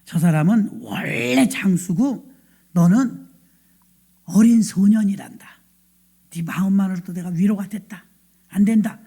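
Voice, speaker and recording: A woman voicing a worried, gently firm king. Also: medium pitch, unhurried, creaky, long pauses, breathy edge, voice pushed down. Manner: soothing refusal.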